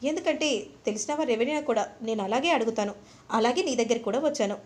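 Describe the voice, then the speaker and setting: A woman voicing a curt, defensive young man who talks briskly and insistently, slipping English phrases into his lines. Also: fairly high pitch, lightly acted.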